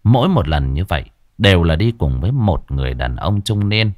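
Male narrator, lower voice, lively dramatic story reading, dry recording. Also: fairly quick, no echo. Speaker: audiobook narrator.

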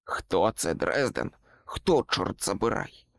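A man voicing a cruel, menacing male sorcerer in an audiobook, speaking slowly and coldly. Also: lowish voice, animated, vocal fry, fairly bright tone, no room sound, clean studio sound, full character voice. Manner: slow, menacing delivery.

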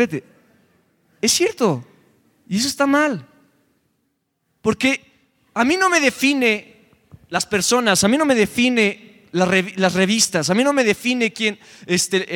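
A young Mexican man preaching a lively youth sermon, joking as he retells scripture. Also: high-pitched, a little slow. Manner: animated, joking, retells scripture in quoted voices. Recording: long hall reverb.

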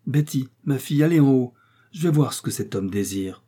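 A man doing a hoarse, shaken innkeeper woman. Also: lively intonation, fairly quick, warm tone. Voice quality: low and hoarse. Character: shaken older innkeeper woman, normally forceful.

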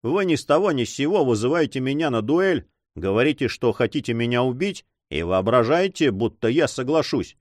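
Brief: man reading a seasoned buccaneer captain in a storybook, proud and quick-tempered, lively pitch. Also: no room sound, studio quality, close to an everyday voice. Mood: scornful.

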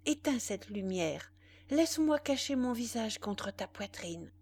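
A woman's voice: on the high side, animated, measured pace, a little mellow. A woman voicing a young woman in feverish delirious sleepwalking, speaking in a strong, clipped, urgent way. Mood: tender. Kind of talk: audiobook dialogue reading.

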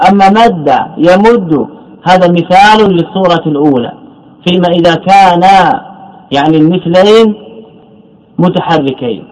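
A male teacher gives a classical lecture on grammar in a slightly higher than average voice. He sets up each point with a question of his own and then answers it. He repeats words to drive them home and drags his example words out slowly. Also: rough recording. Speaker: religious scholar teaching Arabic morphology.

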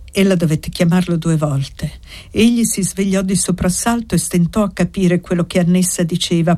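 A woman with a low voice reads a classic novel aloud, measured and steady. Her narration moves calmly through the scenes, with faint music underneath. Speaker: audiobook reader. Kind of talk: literary reading aloud.

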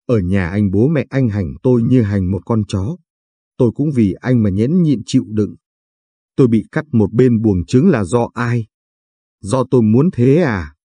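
A man's voice: fairly low pitch, lively intonation, measured pace, husky, dry recording. A man voicing a furious, heartbroken young wife who hurls accusations at her husband. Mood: enraged. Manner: shouting accusations.

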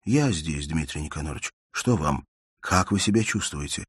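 A man's voice: a bass voice, animated, moderate pace, breathy edge, no echo, studio quality, heavily acted. A man voicing an anxious, reassuring young man. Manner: earnest, insistent reassurance. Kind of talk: audiobook character voice.

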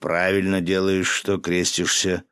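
Man doing a gruff, domineering old-time governor. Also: low voice, little pitch movement, measured pace, fairly bright tone, no echo, clean studio sound. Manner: gruff, barking, commanding.

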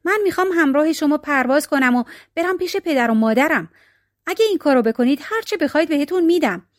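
A clever young storybook hero calling out loud, high and lively, played by a woman reader. His pleas ring out close and dry. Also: no echo. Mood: pleading. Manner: calling out loudly.

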